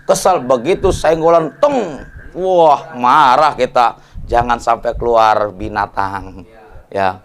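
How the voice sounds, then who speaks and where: A man's voice: medium pitch, slow pace. A man preaching a casual study sermon, joking in slang and often asking the listeners to agree. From Indonesia. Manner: jokey, colloquial, asks audience for agreement. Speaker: Islamic preacher.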